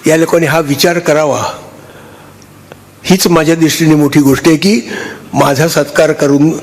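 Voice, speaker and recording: An older man gives a halting, chatty speech on stage, thanking people and joking with the audience. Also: a little high, fairly even intonation. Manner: halting, restarts, warm and chatty with the crowd. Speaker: honoree giving a speech.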